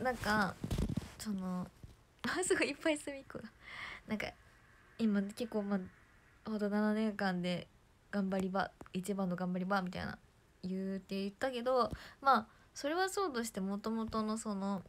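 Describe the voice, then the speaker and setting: A young woman with a hoarse throat chatting casually on a livestream, bubbly and chatty, often dropping to soft near-whispers. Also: mid-range voice. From Japan. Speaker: idol livestreamer.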